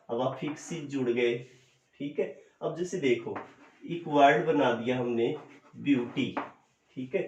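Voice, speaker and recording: Slow, explanatory male English teacher. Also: mid-range voice, darkish tone. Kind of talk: classroom lecture. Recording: echoey lo-fi room recording.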